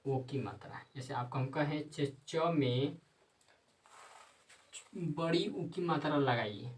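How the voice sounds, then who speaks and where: A man teaching a grammar lesson, repeating himself and answering his own questions, sometimes dictating slowly word by word. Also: fairly high pitch, far from the mic, low-quality recording.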